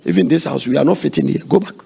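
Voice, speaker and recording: A man's voice: medium pitch, sing-song, racing, gravelly, mellow, slightly rough, voice pushed down, heavily acted. A man voicing an angry mother who orders her married daughter back to her husband. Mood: scolding. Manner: scolding, commanding.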